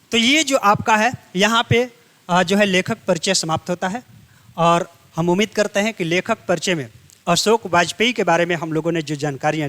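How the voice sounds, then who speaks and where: A man's voice: sits high, fairly bright tone. A male teacher explaining a textbook chapter step by step in an exam-prep lesson, repeating key phrases to his students. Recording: long hall reverb.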